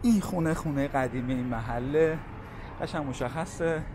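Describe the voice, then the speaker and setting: A man giving a chatty walking-tour narration, pointing out sights and reading out prices as he walks. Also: mid-range voice. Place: busy city streets outdoors. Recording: street noise outdoors. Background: traffic noise.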